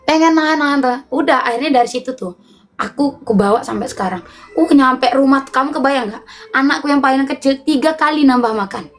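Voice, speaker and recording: A woman telling a personal story to her livestream viewers in a casual, animated, emotional way, often laughing. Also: high voice, a little fast. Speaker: livestream host.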